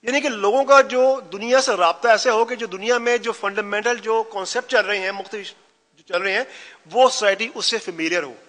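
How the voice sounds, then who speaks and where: A high, bright male voice, lecturing at a conference and slipping English phrases into his explanations. The sound carries the long reverb of a large hall. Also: fairly quick. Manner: mixes Hindi-Urdu with English phrases.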